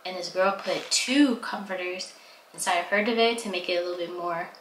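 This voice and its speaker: A woman's voice: fairly low pitch, fairly quick. A young woman chatting casually to viewers while she does chores at home, filmed on a camera mic as she moves around. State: out of breath. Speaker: vlogger. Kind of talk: casual vlog chat. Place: small apartment at home, indoors. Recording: echoey room with noise.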